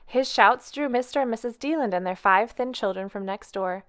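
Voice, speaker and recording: A woman reading a children's storybook aloud in a gentle, expressive, unhurried way. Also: on the high side. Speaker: storytime reader.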